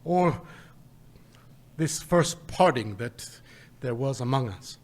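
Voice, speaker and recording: An actor playing a gentle, poor father who speaks tenderly to his family about his lost little son in a live radio play. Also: medium pitch, lively intonation, slow. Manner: tender, soft, choked-up.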